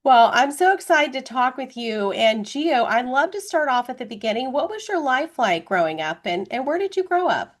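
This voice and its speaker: A woman's voice: high voice, sing-song, moderate pace, hardly any pauses. A woman hosting an interview podcast in an upbeat, enthusiastic way. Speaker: podcast host.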